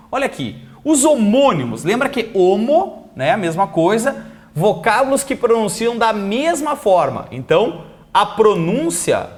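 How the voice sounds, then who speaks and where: A man teaching a recorded video lesson, stretching key words slowly for emphasis. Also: high-pitched.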